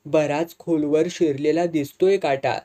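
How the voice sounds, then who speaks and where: A cheeky young village guy, read by the storyteller, teasing and easygoing, relaxed mellow tone, rural lilt in a spoken storybook. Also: fairly high pitch, a little slow, close to an everyday voice.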